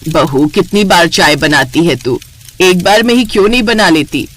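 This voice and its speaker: Woman doing a low bossy mother-in-law. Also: expressive, normal speed, a bit bright. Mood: nagging. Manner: scolding, taunting. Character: nagging middle-aged mother-in-law, bossy and taunting.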